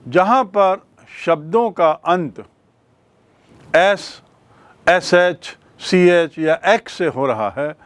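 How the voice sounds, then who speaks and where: A male teacher with a Hindi accent explains grammar rules at a very slow, deliberate pace. His voice sits fairly high for a man, and the recording is dry and close, with no room sound. He keeps repeating key words and asking them back to the class. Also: no room sound.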